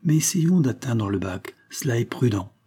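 A man reading aloud, voicing a calm, bold male colonist with a lightly raised, wry delivery. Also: mid-range voice, normal speed, slightly rough.

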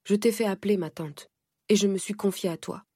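A woman reading a first-person audiobook in a measured, steady way. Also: mid-range voice, husky, no room sound, clean studio sound. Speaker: narrator.

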